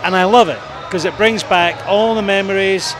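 Male interviewer, forties, high pitch, casual on-location style, heavy crowd background. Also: moderate pace, poor audio. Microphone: handheld shotgun microphone. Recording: busy bar crowd noise behind.

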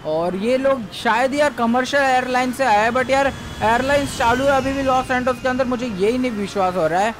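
A man's voice: very high voice, moderate pace, few pauses, background noise. A man voicing an anxious young man who rambles worriedly in a game role-play.

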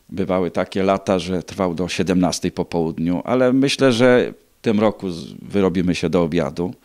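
A middle-aged man giving measured, hesitant interview answers with frequent pauses. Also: low voice. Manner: hesitant, measured, pausing often. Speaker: contest organiser being interviewed. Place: indoors, small room. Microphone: handheld reporter microphone.

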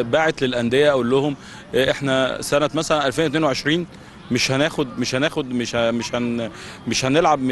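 A middle-aged man with an Egyptian accent talks at a rapid clip, pressing his point with heated rhetorical questions. He speaks into a handheld mic at an outdoor football pitch at night. A faint hum of the surroundings sits behind him. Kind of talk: studio-style interview answers.

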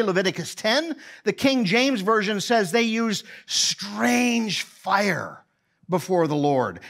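A man preaching a sermon, telling Bible stories with lively acted-out voices and dropping to a hush in prayerful moments. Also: on the high side. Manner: animated storyteller, acting out voices, swinging from hushed to loud. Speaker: pastor. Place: church.

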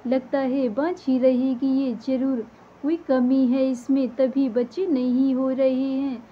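A woman's voice: sits high, level tone, takes it slowly, lo-fi sound, a little hiss or hum. A woman voicing a patient daughter-in-law who speaks firmly and reasons things out. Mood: reproachful. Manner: firm, reasoning.

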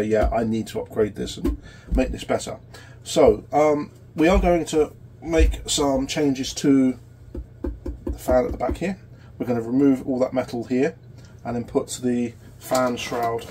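Slight background noise sits under the mellow, medium-pitched voice of a British man in his forties who has a cold and sore throat. Hosting an electronics repair channel, he walks through a casual tutorial in his small workshop, halting and full of fillers.

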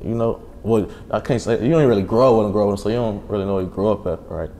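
Low-voiced man hosting in an echoey room. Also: very fast. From Chicago. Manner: relaxed, laid-back slang. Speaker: interviewer and channel host. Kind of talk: casual interview talk. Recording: echoey room with faint noise.

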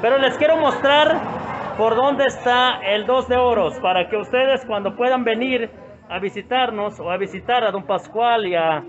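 A man's voice: extremely high pitch, moderate pace, highs cut off. A man with a Mexican accent narrating casually as he films around an open-air roadside restaurant, greeting people by name and repeating himself. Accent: Mexican Spanish. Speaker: vlogger showing a restaurant.

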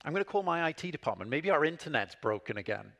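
An insistent, politely puzzled customer on a support call, as a man puts him on. The voice sits a bit high and swings up and down with a gravelly edge, and he will not let go of the idea that the site is down. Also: big pitch swings, quick pace, a bit bright, full character voice.

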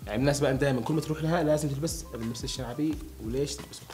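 A man's voice: mid-range voice, very fast, a little mellow, faint music behind. A young man from Hadhramaut, chatting casually with a friend and asking him questions. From Hadhramaut, Yemen. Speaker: conversation partner asking questions. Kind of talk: casual chat between friends.

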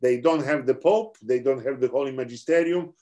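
Speaking a little fast with a dark tone and medium pitch, a middle-aged man with a Serbian accent lectures on theology over a video call for an online seminar. His delivery is earnest and explanatory, broken by frequent restarts.

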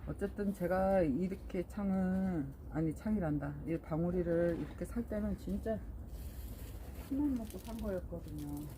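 A woman's voice: fairly low pitch, moderate pace, background noise. A middle-aged woman vlogging casually about her succulents, chatting to viewers as she plants in a greenhouse. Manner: chatty, talks to viewers while working. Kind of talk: casual chat while planting.

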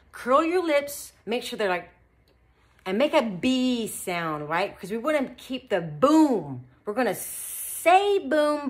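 Lively, encouraging woman teaching kids. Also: a little high. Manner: animated, encouraging, lots of praise. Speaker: beatbox teacher. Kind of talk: children's tutorial.

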